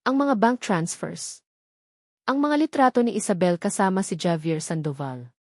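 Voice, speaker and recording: With an animated, middle-pitched voice at a moderate pace, a woman tells a dramatic tale in scripted storytelling fashion. The sound is dry and echo-free, with very little room around it.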